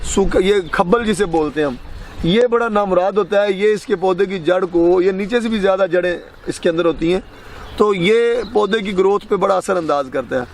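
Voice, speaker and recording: A man's voice: high-pitched, slight background noise. A man with a Pakistani Punjabi accent, explaining crop care outdoors in an instructive, firmly corrective way. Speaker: farm expert guest. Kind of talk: explaining farming advice. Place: outdoors on a farm.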